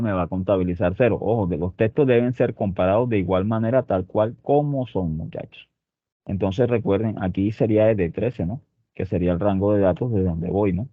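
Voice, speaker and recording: A man's voice: fairly low pitch, dry recording. A man teaching a spreadsheet lesson, explaining step by step and checking in with his students often. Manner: explains step by step, with frequent "¿ok?" and "muchachos" check-ins. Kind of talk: spreadsheet tutorial. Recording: tinny phone-like, dry sound.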